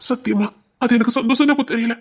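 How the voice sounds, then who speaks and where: Tearful and full of feeling, a short-tempered husband begs forgiveness in an audio drama, voiced by an actor with a Tirunelveli Tamil accent. The voice is husky and breathy yet natural, mid-pitched and a little fast.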